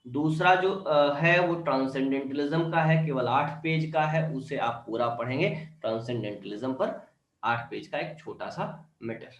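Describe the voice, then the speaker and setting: A man teaching an online English literature class, explaining step by step and often checking "clear?", with Indian-accented English. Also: medium pitch, unhurried, roomy sound, poor audio.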